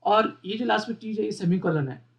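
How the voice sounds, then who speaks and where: A man teaching a beginner programming lesson, explaining each part of the code slowly and repeating the terms, often asking his viewers questions. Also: high-pitched, creaky. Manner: explains step by step, repeats terms, mixes English terms into Hindi. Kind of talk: screen-recorded coding lesson.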